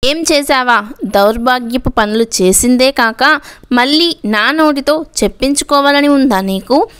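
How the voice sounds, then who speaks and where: A woman's voice: high-pitched, measured pace, clear, resonant tone. A woman voicing a hot-tempered middle-aged father in an audio story, angry and scolding. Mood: furious. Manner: angry, shouting.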